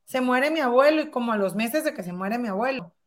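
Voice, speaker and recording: Woman, 30s, slightly high voice, lively storyteller. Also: a little fast. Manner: lively, acts out past dialogue. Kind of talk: personal storytelling in conversation.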